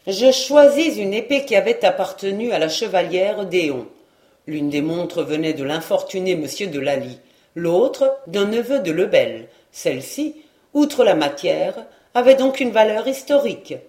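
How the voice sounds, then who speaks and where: A woman narrating a classic novel as an audiobook in a measured, expressive reading. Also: medium pitch, reverberant.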